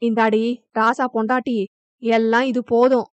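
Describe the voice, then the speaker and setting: Woman doing an old village granny, loud, blunt, scolding, dull dry recording. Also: fairly high pitch, little pitch movement, unhurried, clear, resonant tone, no room sound, lightly acted. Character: old village grandmother Amsaveni, blunt and fond.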